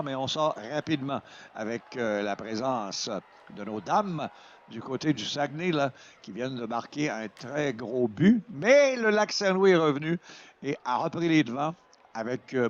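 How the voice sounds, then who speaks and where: A man with a Quebec French accent doing excited sports commentary as a play-by-play announcer, exclaiming over the action. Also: medium pitch, normal speed, lo-fi sound. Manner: exclaims over plays, voice surging at shots and goals.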